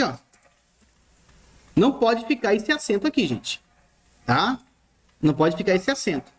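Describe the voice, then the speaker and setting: A man teaching Greek grammar in a recorded lesson, repeating his points and often checking in with the class while he points at written text. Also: sits high.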